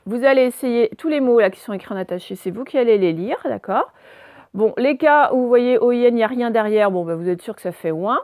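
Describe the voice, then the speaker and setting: A woman's voice: on the high side, expressive, fairly quick, a little mellow, no room sound. A woman teaching a phonics lesson to young children, patiently spelling out letters one by one.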